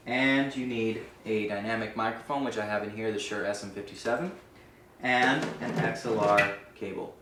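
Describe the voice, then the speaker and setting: Hosting a gear review, this man speaks in a lowish, somewhat bright voice, casually and hesitantly talking through settings. The setting is an indoor room with a guitar amp, and the roomy, distant mic picks up faint noise.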